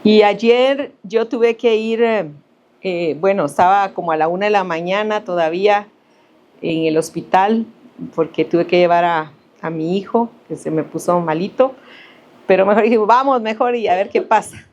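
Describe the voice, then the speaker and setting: A middle-aged woman from Central America giving a sermon that mixes a personal hospital story with scripture, telling it with animated, rising emphasis. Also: medium pitch, normal speed, highs cut off. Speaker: preacher.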